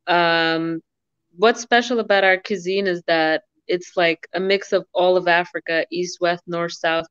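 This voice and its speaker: A young Sudanese woman, a business owner, chats as a guest in a casual video call interview from a room at home, laughing easily. Her voice is fairly low with a clean tone and no room sound, though the call audio is dull and lo-fi.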